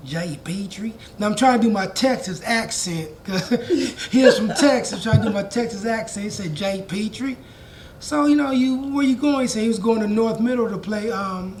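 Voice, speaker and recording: A man in his fifties hosting a podcast, telling stories in a relaxed way and acting out the dialogue. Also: high voice, a little hiss or hum. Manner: storytelling, acts out quoted dialogue, relaxed. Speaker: podcast host. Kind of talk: conversational podcast interview.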